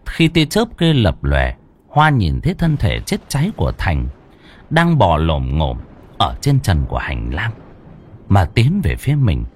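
A man telling a ghost story in dramatic, drawn-out scripted narration. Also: deep voice, huge pitch swings, a little mellow, slight background noise.

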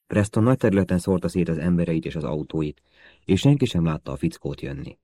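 A man narrating a thriller audiobook in a steady, even storytelling manner. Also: deep voice, no room sound, clean studio sound. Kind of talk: scripted narration.

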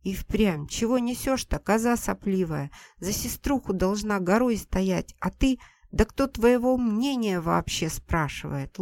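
A woman narrator voicing a fierce, harsh older village mother who scolds loudly and coarsely, in a dry recording. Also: mid-range voice, no room sound, voice pushed up, natural voice. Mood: indignant.

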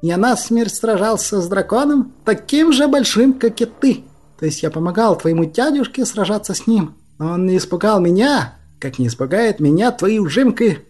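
Cheeky little swamp dragon in a storybook, shrill, mocking and defiant, as a male narrator puts him on. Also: animated, moderate pace, darkish tone, soft background music. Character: small proud swamp water dragon, cheeky and bold. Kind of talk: audiobook character voice.

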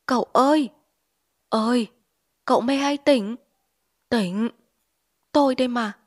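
A woman's voice: on the high side, level tone, a little slow, no echo, clean studio sound, pitched above the performer's own voice, natural voice. A woman reading an audiobook, voicing the anxious wife of an addict who calls out urgently. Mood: alarmed. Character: worried young wife of an addict.

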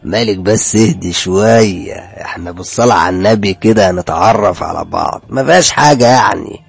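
A man voicing a slow, gravelly Egyptian young man. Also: low voice, voice pushed down, heavily acted. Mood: teasing. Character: sly young man, the cousin's mocking friend. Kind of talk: horror story reading.

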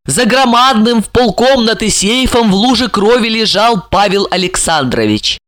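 A man narrating an audiobook with expressive, lively storytelling. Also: high-pitched, moderate pace, dry recording, studio quality.

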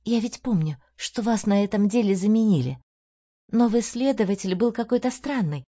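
A woman voicing an eager, earnest young woman who speaks in a lively, raised voice. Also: medium pitch, moderate pace, pitched above the performer's own voice, close to an everyday voice. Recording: dull lo-fi audio.

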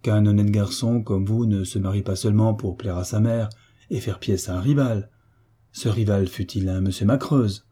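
A man's voice: lowish voice, moderate pace, dark tone, breathy edge. A man voicing a blunt, affectionate old navy veteran who speaks frankly and firmly. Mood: earnest. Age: older. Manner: frank, firm, plain-spoken.

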